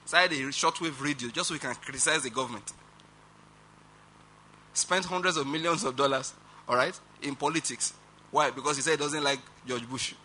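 Bright-voiced Nigerian preacher. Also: male voice, on the high side, a little hiss or hum. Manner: animated, emphatic preaching with rhetorical questions and chuckles. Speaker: pastor. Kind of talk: sermon.

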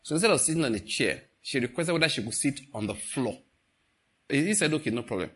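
A man with a Nigerian accent, a mid-range voice with a breathy edge, and a quick pace gives an informal sermon full of stories and jokes. He tells the stories with animation, acts out what people say, and slips into Pidgin.

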